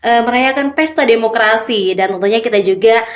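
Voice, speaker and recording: A woman's voice: a little high, fairly quick. A woman hosting a podcast interview, asking friendly, upbeat questions with frequent fillers. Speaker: podcast host.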